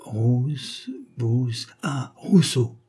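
A man's voice: mid-range voice, a little slow, warm tone, husky. A man voicing a flustered, greedy bourgeois husband who stammers and then blusters in annoyance. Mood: hesitant.

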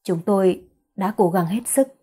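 A woman's voice: medium pitch, normal speed, warm tone, breathy edge, close to an everyday voice. A woman reading a male surgeon who delivers bad news in a somber, formal way in an audiobook.

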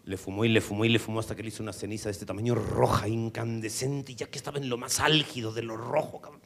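A man with a Mexican Spanish accent telling a profane comic story, drawing out punchlines and jumping into high voices for the people he quotes. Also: steady tone, fast, creaky. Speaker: stand-up comedian.

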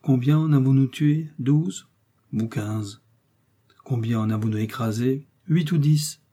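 A sardonic noble musketeer from a read-aloud novel, dry and commanding, as a man reading puts him on. The voice is dark and mellow with a husky grain. He speaks coolly and without hurry. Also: medium pitch, a little slow. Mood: ironic. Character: proud, sardonic noble musketeer, cool and unhurried.

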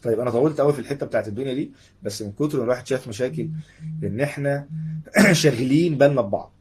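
Husky-voiced Egyptian male lecturer, rattles through a religious lesson at high speed, chatty and animated. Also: racing. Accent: Egyptian Arabic. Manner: conversational, animated, acts out little dialogues. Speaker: Islamic lecturer. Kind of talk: religious lecture in colloquial speech.

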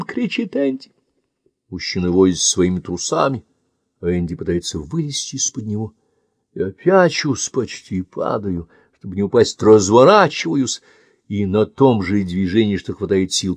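A man's voice: low voice, a little mellow, breathy edge, no echo. A man narrating a novel in the first person with a tense, emotive delivery. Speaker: audiobook narrator.

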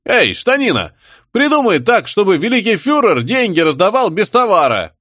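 A man's voice: high-pitched, sing-song, moderate pace, a bit bright, no room sound, clean studio sound, voice pushed up, full character voice. A man putting on a jeering savage mob. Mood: rowdy. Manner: jeering, crude, bickering. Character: rowdy crude crowd of male savages.

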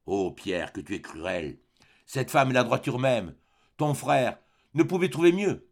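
A shaken middle-aged mother speaks in a soft, trembling, halting voice, as a male narrator reads her part. The voice is slightly gravelly and moves up and down with feeling in an audiobook reading. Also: mid-range voice, expressive. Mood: pained. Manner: trembling, hesitant, soft-spoken.

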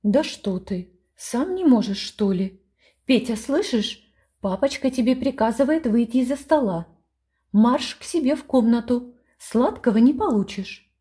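A woman voicing an impatient mother who scolds briskly. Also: a little high, expressive, warm tone. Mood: scolding.

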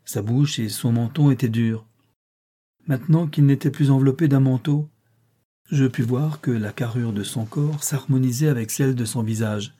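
A man reading a classic novel aloud as an audiobook in a measured, even way. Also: mid-range voice, slightly rough. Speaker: audiobook reader. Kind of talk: scripted narration.

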